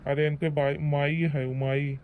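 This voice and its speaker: A man with a slightly high, narrow voice and little pitch movement speaks a little slowly, sounding natural, over tinny audio with slight background noise. He plays a blustering, defensive old village husband in a rural comedy cartoon, scolding and rambling in an Awadhi accent. His mood is confiding and wary, in rustic comedy cartoon acting.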